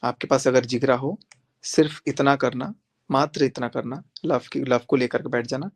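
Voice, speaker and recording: With a mid-range voice, a steady tone and some vocal fry, a livestreamer speaks at a moderate pace. He keeps calling out a rival to join him, repeating himself confrontationally and speaking directly to viewers.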